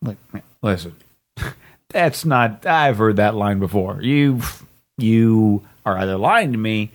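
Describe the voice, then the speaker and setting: A man telling a long, rambling, profane story in a casual chat, often mimicking other people in high squeaky voices. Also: animated, slow.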